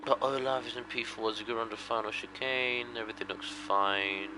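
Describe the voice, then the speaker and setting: A man giving casual live commentary on an online racing league, chatty and jokey, with sudden rises in excitement. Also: lowish voice, fairly quick, background noise. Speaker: race commentator.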